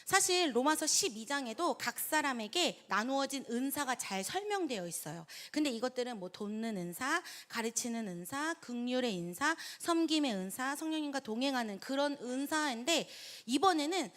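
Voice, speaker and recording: Brief: middle-aged pastor's wife leading a church Bible study, fairly high voice, chatty and animated, acts out quoted voices. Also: female voice, moderate pace, few pauses. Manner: chatty, laughs between points. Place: church hall.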